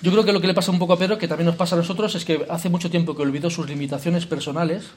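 A man with a slightly raised pitch gives an informal spiritual retreat talk. He speaks conversationally, constantly checking in with his listeners, and lightens things with jokey asides. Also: fairly even intonation, racing. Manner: conversational, peppers sentences with "¿eh?" and "¿no?". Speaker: retreat leader.

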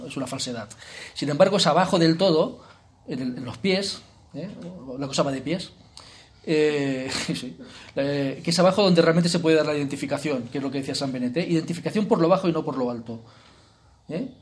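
A man leading a spiritual retreat in an informal, conversational way, often tagging his sentences with quick checks to the group and slipping in jokey asides. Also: a little high. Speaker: retreat leader.

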